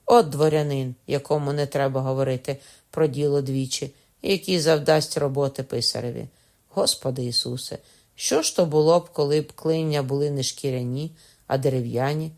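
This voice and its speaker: A woman voicing a gruff, soft-hearted executioner. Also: very deep voice, steady tone, moderate pace. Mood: gruff muttering. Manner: muttering asides, urgent whispers.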